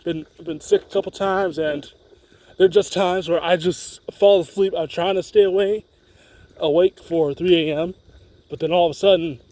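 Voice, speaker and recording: A man's voice: high voice, fairly even intonation, normal speed, darkish tone. A young man chatting casually in an off-the-cuff, rambling walking vlog, recorded outdoors on a handheld phone. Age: young adult. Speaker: student vlogger. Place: outdoors on a campus street. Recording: faint outdoor street noise.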